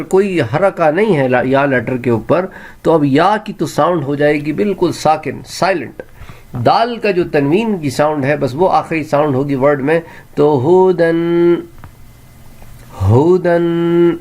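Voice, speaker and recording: A man teaching a Quran reading lesson, sounding out each word slowly and clearly and then repeating it. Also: fairly high pitch, darkish tone. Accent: Pakistani Urdu.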